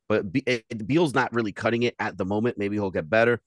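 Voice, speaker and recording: A man with a New York accent talking football on a podcast, animated and often laughing, repeating himself as he goes. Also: fairly low pitch, quick pace, dry recording. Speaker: podcast co-host. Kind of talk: casual sports chat.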